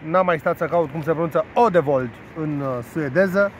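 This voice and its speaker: A man's voice: fairly high pitch, a little hiss or hum. A man casually talking through the day's sports betting tips outdoors, joking crudely and playfully mangling foreign team names. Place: outdoors, caught in rain.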